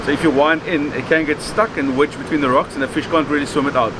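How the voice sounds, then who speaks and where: A man in his forties with a South African accent, teaching fishing on a beach in a relaxed, practical way. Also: a little high, quick pace. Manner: relaxed, practical explaining with many "so" and "okay". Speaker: fishing instructor. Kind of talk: outdoor how-to demonstration. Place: open beach by the surf. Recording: loud surf and wind noise. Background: crashing waves.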